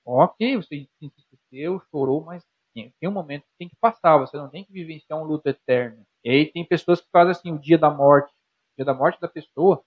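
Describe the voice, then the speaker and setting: A man's voice: on the high side, fairly quick. A man with a Brazilian Portuguese accent, a psychologist guest, explaining with examples and putting rhetorical questions straight to the listener. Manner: animated, talks to the listener directly with rhetorical questions. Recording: dull lo-fi sound.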